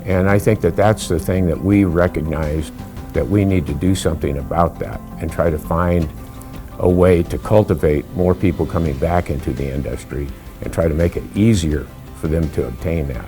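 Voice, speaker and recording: A man's voice: sits low, normal speed, warm tone, faint music behind. A man talking in an interview. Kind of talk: interview talk.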